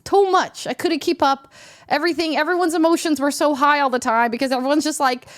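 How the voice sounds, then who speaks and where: A young woman talks fast in a casual chat as a streamer's guest. Her animated stories jump from loud excitement to low mutters, and laughter keeps breaking into her speech.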